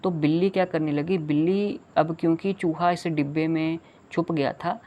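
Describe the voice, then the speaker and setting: A teacher giving a children's lesson, reading each English line of a poem slowly and explaining it in Hindi, checking in often with "okay". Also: medium pitch, fairly even intonation, highs cut off.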